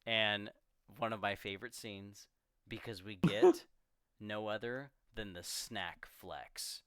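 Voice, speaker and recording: A man in a casual podcast chat, walking through a movie scene by scene and dropping into quick quoted lines for the characters. His voice is smooth and resonant, recorded close and dry with no room sound. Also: on the low side, fairly bright tone, dry recording. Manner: rambling, retells scenes with quoted voices and laughs. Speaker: podcast co-host.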